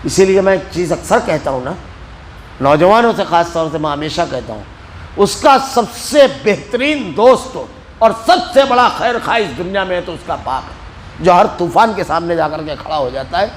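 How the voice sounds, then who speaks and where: A man with an Indian Urdu accent from Maharashtra, teaching a religious lesson in a mosque as an animated storyteller. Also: high voice, a little hiss or hum, low-quality recording. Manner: animated storyteller acting out quoted speech. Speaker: Quran teacher.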